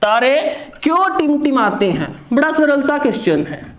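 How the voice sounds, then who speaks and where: A woman's voice: sits high, sing-song, normal speed, roomy sound. A woman teaching an online lesson, who asks questions and answers them herself and repeats key points. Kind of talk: online lecture.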